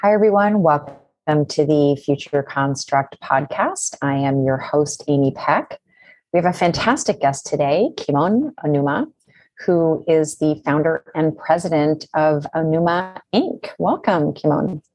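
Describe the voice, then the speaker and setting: A woman hosting a podcast interview, chatty and friendly, with quick restarts as she frames her questions. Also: deep voice, a little mellow, dry recording. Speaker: podcast host. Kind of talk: casual interview.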